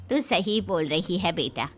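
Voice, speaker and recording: A woman's voice: on the low side, slightly rough, exaggerated voice. A woman voicing an indulgent older mother-in-law who speaks in a motherly, coaxing way in a cartoon story.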